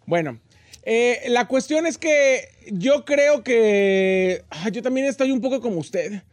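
A man co-hosting a comedy radio show, throwing in deadpan teasing quips. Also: very high-pitched, takes it slowly, no echo. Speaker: co-host.

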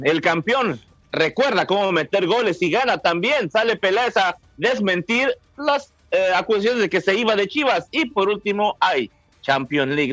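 A man reading the sports news as a brisk co-host on a comic radio show. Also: high-pitched, fairly bright tone, no echo, dull audio.

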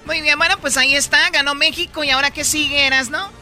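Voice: high-pitched, steady tone, quick pace, pushed and bright, faint music behind. A radio co-host in casual, teasing banter with the other hosts. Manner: teasing, chatty, lets out bursts of laughter.

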